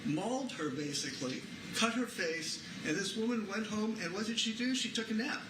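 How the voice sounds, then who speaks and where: A man's voice: high-pitched, normal speed. A man, a defense attorney, giving a methodical closing argument to a jury, repeating points for emphasis, heard in a courtroom recording. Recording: distant echoey courtroom audio, loud noise.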